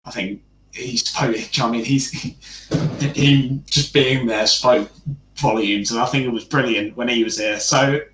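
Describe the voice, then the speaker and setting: A man's voice: medium pitch, steady tone, normal speed, a bit bright, a little hiss or hum. A man giving his views as a fan guest on a casual podcast, hesitant and rambling with many fillers. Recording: echoey room, distant mic.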